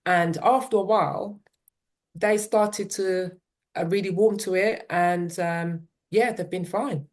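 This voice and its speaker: A woman's voice: fairly low pitch, fairly even intonation, slow, a little mellow. A middle-aged woman, a parent and teen coach, telling her story in an interview with an earnest, reflective manner and frequent "um" and "yeah".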